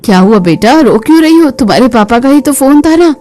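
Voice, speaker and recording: A woman voicing a kind, caring middle-aged mother-in-law in an animated family drama, calm and motherly. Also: high-pitched, brisk, slight background noise.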